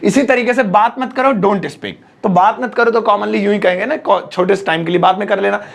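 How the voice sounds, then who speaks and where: Male teacher, high voice, gravelly fry, slow patient explaining, repeats phrases. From India. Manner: explains slowly, repeats phrases word by word, asks students questions. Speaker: English teacher. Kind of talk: Hindi-language English lesson.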